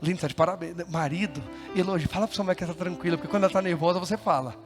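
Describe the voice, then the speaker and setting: A middle-aged Brazilian man preaching a sermon as pastor, moving between chatty asides and loud, fervent bursts. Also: high-pitched, racing, over music. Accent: Brazilian Portuguese. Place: church.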